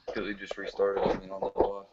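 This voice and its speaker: A man chatting casually on a livestream, heard over his phone in a low-key, matter-of-fact way. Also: completely flat delivery, rapid-fire. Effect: speaking over a phone. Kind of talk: casual chat. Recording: thin, muffled phone audio with faint noise.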